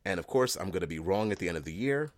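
A man hosting a casual podcast chat, excitable and quick to laugh, with lots of ums. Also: low voice. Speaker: podcast host.

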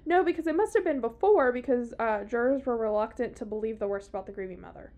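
A woman's voice: a little high, animated, fast, dark tone, muffled recording. A woman with a Southern US accent co-hosting a podcast, telling a story casually in a blunt, sweary, sardonic way. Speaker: podcast co-host telling a true-crime story.

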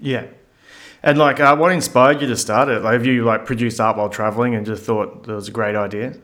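A man's voice: medium pitch, steady tone, a little fast, a bit bright. A man hosts a podcast and leads a casual interview. He talks in an easygoing, chatty way, with a mid-range voice. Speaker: podcast host.

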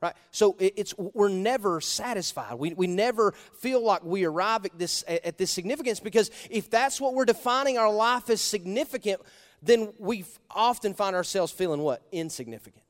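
Male pastor, slightly raised pitch, chatty sermon delivery with rhetorical questions and loud bursts, church hall with long echo. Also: animated, normal speed. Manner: conversational preaching with rhetorical questions and sudden loud emphasis.

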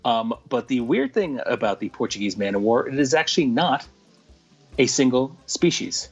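A man calling in as a remote correspondent over a radio link, chatting easily and explaining things with halting restarts. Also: mid-range voice, big pitch swings, breathy edge, lo-fi sound, faint music behind. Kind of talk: casual comedic radio chat.

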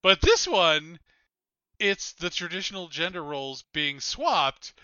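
A man co-hosting a podcast, talking in animated casual chat with lots of filler words. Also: on the high side, unhurried, clear, resonant tone, dry recording, dull audio. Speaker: podcast co-host.

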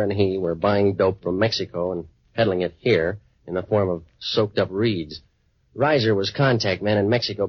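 An actor playing a wisecracking American private eye in a 1940s radio noir, deadpan and clipped. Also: male voice, fairly low pitch, breathy edge, dry recording. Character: hard-boiled wisecracking male waterfront private eye. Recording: dry, muffled 1940s radio recording.

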